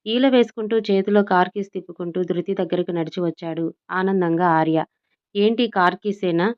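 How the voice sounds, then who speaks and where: A woman narrating a romance audiobook in a calm, measured storytelling manner. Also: on the low side, lo-fi sound.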